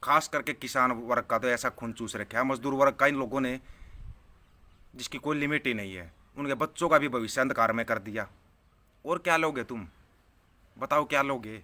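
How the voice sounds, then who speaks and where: A man's voice: mid-range voice, normal speed, sharp tone. A man, ranting angrily and scornfully to his viewers, hammering his points home by repeating them. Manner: scornful, heated, repeats phrases for emphasis. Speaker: political vlogger answering viewer comments. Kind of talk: angry live political rant.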